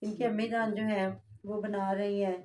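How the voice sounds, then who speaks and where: A woman's voice: mid-range voice, little pitch movement, normal speed, dark tone. Chatty woman rambling through a reaction vlog. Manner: chatty, rambling, many fillers and asides. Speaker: vlogger reacting to family vlogs. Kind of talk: casual reaction commentary.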